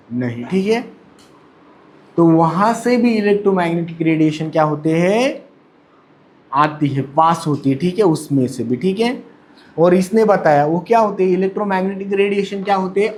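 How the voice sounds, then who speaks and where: High-voiced man teaching a class. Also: a little mellow. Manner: repeats questions and answers them himself, mixing Hindi and English; calls out to students, urging them to answer aloud. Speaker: chemistry teacher. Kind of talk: classroom lecture.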